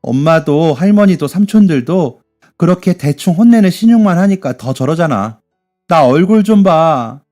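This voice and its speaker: A man's voice: on the high side, lively intonation, moderate pace, dark tone, faint music behind, pitched above the performer's own voice, lightly acted. A man doing a tearful teenage daughter. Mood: tearful, pleading.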